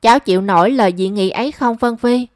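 A stern older mother speaks with cold, reproachful bitterness, voiced by a woman reading the story. Her voice sits somewhat high and sounds close and dry. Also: quick pace, no echo, natural voice. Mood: bitter, cold.

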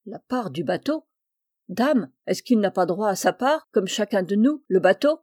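A woman's voice: mid-range voice, animated, unhurried, a little mellow, no echo, studio quality. A woman voicing a stubborn, proud fishing-boat skipper who insists on his point with rustic indignation. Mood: insistent.

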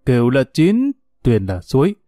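A man playing a gentle, wise old grandfather, explaining slowly and patiently. His voice sounds mellow and dry, with faint music behind it. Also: medium pitch, wildly swooping pitch, no room sound.

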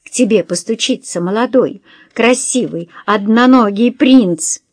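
A cheeky teenage girl who mocks everyone, herself first, as a woman reads her out. She stretches her words slowly for effect, in a dry, close audiobook voice. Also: on the high side, dry recording. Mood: teasing. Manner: teasing, drawn-out emphasis.

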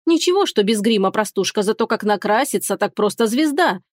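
A woman voicing a proud, scornful harpy queen in an audiobook, drawn-out and hissing. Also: medium pitch, expressive, no echo, studio quality, natural voice. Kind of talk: audiobook character reading.

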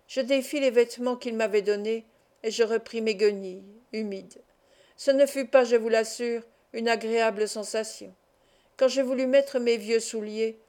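A woman narrating a classic novel as an audiobook reader, calm and measured. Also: on the high side.

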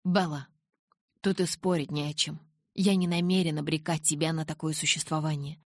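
A gentle, restrained young male vampire from an audiobook, read by a woman. He speaks softly and patiently, in a low, husky voice. The recording is close and dry. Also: little pitch movement, moderate pace, no room sound. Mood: calm.

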